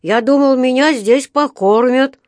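A woman's voice: high-pitched, unhurried, darkish tone, no echo, clean studio sound, pitched above the performer's own voice. A woman reading a storybook aloud, voicing a small, polite and earnest young male bear in a raised, eager voice. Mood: indignant.

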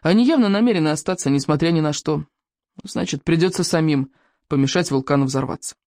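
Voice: medium pitch, fairly quick, a little mellow, dry recording, clean studio sound, natural voice. A reader voicing a worried, earnest young Viking boy who pleads urgently. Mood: gloomy.

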